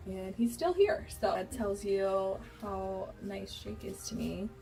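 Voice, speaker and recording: Brief: young adult American woman, candid casual vlogger storyteller, middle-pitched, recorded at a distance with music behind. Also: takes it slowly, gravelly, dark tone. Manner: candid, giggly, swearing freely, acts out quoted dialogue. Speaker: beauty vlogger.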